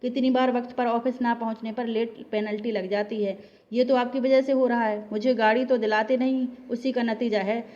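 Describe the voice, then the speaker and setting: A woman's voice: fairly high pitch, fairly even intonation, normal speed, warm tone, lo-fi sound, close to an everyday voice. A woman voicing a hard-working young wife who firmly stands up for herself to her family. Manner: firm, reasoning.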